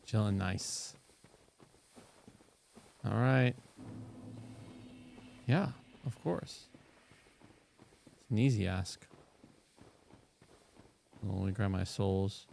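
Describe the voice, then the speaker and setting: A man streaming a game, chatting casually and reading scripture aloud with animated, joking asides. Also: fairly low pitch, drawn-out words, vocal fry, pauses often, slight background noise.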